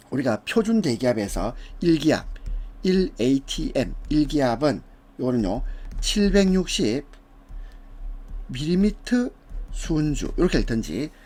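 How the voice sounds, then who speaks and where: A man's voice: fairly high pitch, darkish tone, slightly rough. A man teaching an exam prep lecture, going through answers step by step with casual asides.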